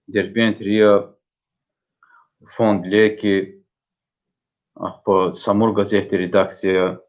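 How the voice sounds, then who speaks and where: Low-voiced Lezgian man, dull lo-fi sound. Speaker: host of an online dictation. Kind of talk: addressing participants of an online dictation. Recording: dull, lo-fi online audio.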